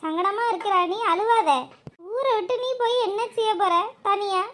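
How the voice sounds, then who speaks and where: A woman's voice: very high-pitched, moderate pace, fairly bright tone. A woman voicing a kindly older village mother in a cartoon, soothing and pleading. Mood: consoling. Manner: soothing, pleading, repeats endearments. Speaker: cartoon character.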